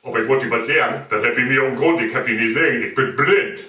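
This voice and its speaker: A man voicing a gruff blind rabbit with a low, grumbling voice and an East Frisian accent. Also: fast, sharp tone, lightly acted. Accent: East Frisian German. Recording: echoey room, mic at a distance.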